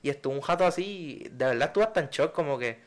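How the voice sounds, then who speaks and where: A young man, co-hosting a casual podcast chat and telling stories in a loose, slangy way. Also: on the high side. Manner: slangy storytelling, drawn-out and animated when telling a scary dream. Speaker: podcast co-host.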